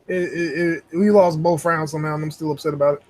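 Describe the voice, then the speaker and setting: A young man hosting a gaming podcast, talking loosely and profanely, telling animated stories. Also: on the high side, quick pace, a little hiss or hum. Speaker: podcast host. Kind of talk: casual gaming podcast chat.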